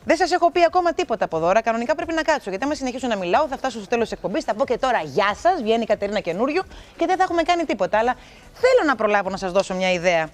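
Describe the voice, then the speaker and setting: A middle-aged woman hosting a TV game show, talking to viewers in a chatty, playful way. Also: on the high side. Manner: lively, chatty and playful, talks straight to viewers. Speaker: TV show host.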